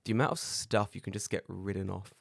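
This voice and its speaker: This fast-talking podcast co-host has a low-pitched voice, slightly raspy from karaoke, in a casual chat. Animated and profane, he acts out quoted dialogue in his stories. The studio-quality audio has no room sound.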